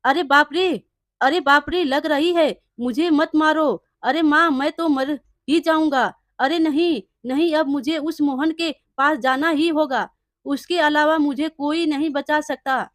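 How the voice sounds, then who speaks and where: Brief: jealous, sly village blacksmith man, read by a woman narrator, high and dry voice. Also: fairly even intonation, a little slow, fairly bright tone, no room sound. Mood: panicked.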